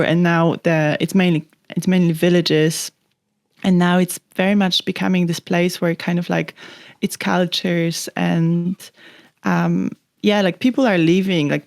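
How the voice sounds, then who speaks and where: A woman's voice: on the low side, a little mellow, no echo, clean studio sound. A young woman from Poland, a photographer guest on a podcast, talking thoughtfully in a rambling way with many fillers. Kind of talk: casual interview chat.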